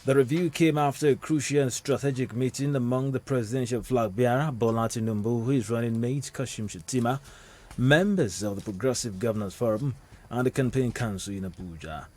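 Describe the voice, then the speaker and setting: Man, Nigerian accent, radio news anchor, measured formal read. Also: mid-range voice, a little mellow.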